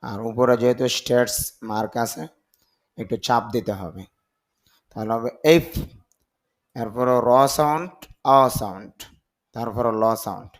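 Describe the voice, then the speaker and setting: A man with a Bengali accent teaching vocabulary, slowly drilling each word and its meaning with careful repetition. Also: mid-range voice. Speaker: English teacher. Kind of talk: vocabulary lesson.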